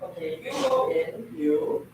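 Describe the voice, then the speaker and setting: Cooking in her home kitchen, a young Turkish woman chats with her live stream audience, giggling, talking a lot, and speaking to the food. Her low voice moves slowly with lively intonation. She sits far from the mic in an echoey room with a noisy background.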